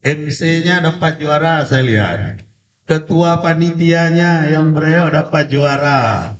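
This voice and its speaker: A male preacher with a cold giving a religious lecture with a story, speaking slowly and deliberately, heard through a distant, echoey, dull PA sound. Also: a little high. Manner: slow, deliberate delivery. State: has a cold. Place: community religious event.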